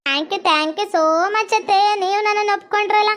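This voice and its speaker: A woman's voice: very high-pitched, normal speed, fairly bright tone. [name], a woman doing a whiny young bride. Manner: whiny, pleading, melodramatic.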